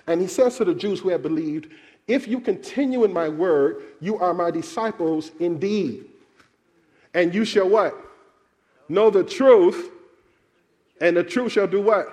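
A man preaching a sermon, asking his congregation questions and calling for answers. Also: fairly high pitch. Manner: animated, calls out questions to the congregation.

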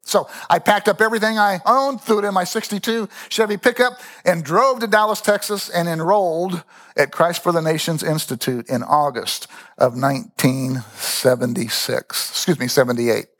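A man's voice: fairly high pitch, steady tone, normal speed, fairly bright tone. A man in his sixties preaching a sermon, telling a personal testimony with emphatic repetition. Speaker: pastor.

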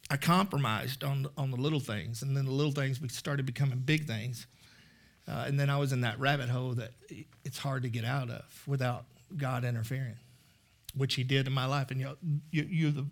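A man preaching a sermon in a church, speaking candidly, with many halting restarts. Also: medium pitch, fairly even intonation. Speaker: guest preacher. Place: church sanctuary.

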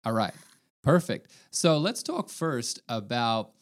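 A man's voice: mid-range voice, very animated, takes it slowly. A man in his thirties, a pastor co-hosting a podcast, talking in an earnest, self-deprecating way with frequent restarts. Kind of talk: casual conversation.

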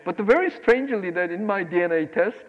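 A man from Korea preaching a sermon, animated, swinging between loud exclamations and quiet asides. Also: sits high, fairly quick, big-room sound, lo-fi sound. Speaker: pastor.

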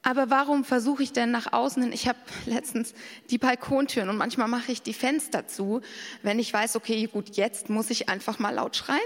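A woman's voice: fairly high pitch, steady tone, moderate pace. Woman preaching candidly in a reverberant hall. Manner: candid, self-revealing, acts out quoted voices. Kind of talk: sermon.

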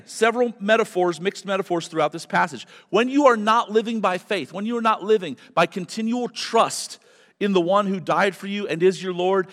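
A man's voice: sits high, a bit bright. A male pastor preaching a sermon at a pulpit microphone in a church, emphatic and building to fervent repetition. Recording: long hall reverb from a church.

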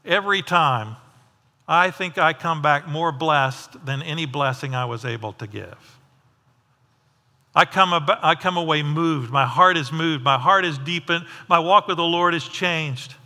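Pastor preaching in a hall. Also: male voice, fairly high pitch, measured pace, pushed and bright. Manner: conversational, asks the audience questions. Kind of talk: sermon.

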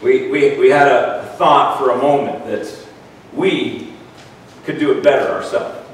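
A man's voice: mid-range voice, unhurried. A man with a weak, thin voice preaching in a conversational style, repeating words and checking for agreement as he goes. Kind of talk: conversational sermon. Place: large echoey room, worship gathering. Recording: echoey room, distant mic, faint noise.

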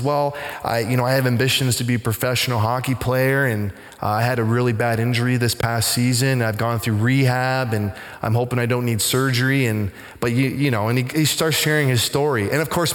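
Male pastor, middle-aged, conversational sermon, storytelling, medium-pitched voice, long hall reverb. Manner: conversational, animated when retelling, rising pitch in excitement. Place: church sanctuary.

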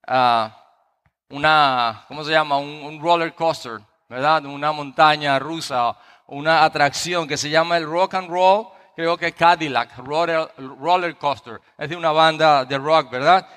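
A pastor delivering a sermon, telling a personal story with frequent tag questions before reading scripture. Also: male voice, on the high side, measured pace, fairly bright tone, smooth. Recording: long reverb of a large hall.

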